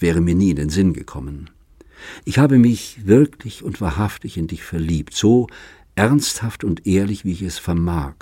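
Audiobook: reader doing a wounded, deliberate man, low and dry. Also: darkish tone, husky, dry recording. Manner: measured, precise. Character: earnest adult man, hurt and deliberate lover. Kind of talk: audiobook character reading.

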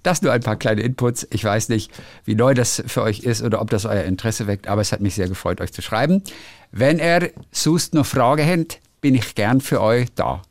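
A man's voice: medium pitch, normal speed, no echo, clean studio sound. A German man, a radio host, reading a listener's letter aloud and chatting casually on the phone. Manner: lively, reads aloud with playful emphasis.

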